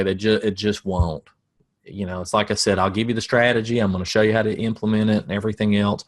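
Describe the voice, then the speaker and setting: Teaching marketing to coaches, this middle-aged Southern American man takes a folksy, relaxed approach and pokes fun at himself. He speaks with a lowish voice.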